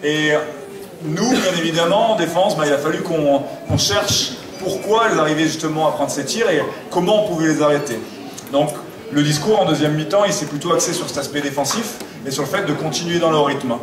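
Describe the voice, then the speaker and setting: Higher-pitched man in an echoey hall. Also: a little fast. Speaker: basketball coach. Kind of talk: post-match speech. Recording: echoey hall, distant mic, crowd noise.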